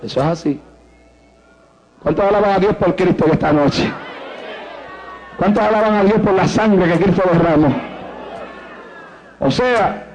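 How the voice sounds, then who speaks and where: A man's voice: high-pitched, darkish tone, poor audio. A male pastor preaching a fervent sermon, hammering points through repetition.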